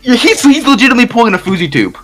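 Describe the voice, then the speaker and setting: A man co-hosting a casual live podcast, sarcastic and mocking, quick to laugh. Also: very high voice, big pitch swings, a bit bright, soft background music. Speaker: podcast co-host.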